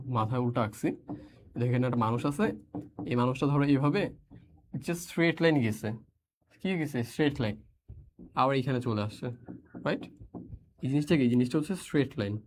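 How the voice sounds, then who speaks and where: A man's voice: mid-range voice, fairly quick, pauses often, a little mellow, slight background noise. A young man teaching a school physics lesson, asking questions and repeating the answers, with English words mixed into his speech. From Bangladesh.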